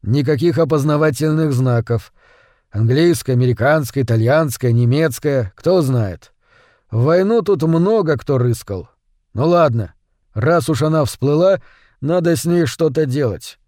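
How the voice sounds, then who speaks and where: A gruff island constable, as a male narrator puts him on, blunt and matter-of-fact, in a warm, dark voice. The recording is dry and close, like an audiobook read in a studio. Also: on the high side, animated, measured pace, dry recording.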